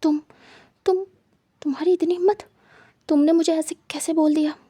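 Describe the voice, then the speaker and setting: A woman's voice: very high-pitched, fairly even intonation, normal speed, mellow, no room sound. A woman voicing a brazen young mafia boss. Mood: angry. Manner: teasing, insistent, menacing when crossed.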